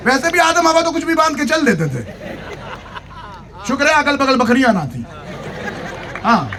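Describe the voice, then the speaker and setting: A man's voice: very high-pitched, big pitch swings, normal speed, pushed and bright, a faint crowd, slight background noise. A man preaching at a church convention, telling a humorous personal story, acting out the dialogue and urging the congregation to clap. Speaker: pastor. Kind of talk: sermon.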